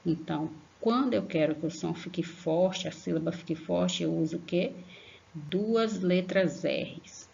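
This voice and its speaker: A lo-fi recording of an online class captures a Brazilian primary school teacher with a lowish, gravelly, slightly mellow voice. She affectionately teaches grammar to young children, spelling out syllables slowly and emphatically and often asking "tá?".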